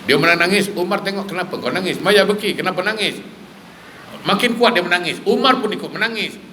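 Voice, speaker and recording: A man preaching a storytelling sermon, swinging between loud and soft and acting out the dialogue. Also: on the high side, a little hiss or hum.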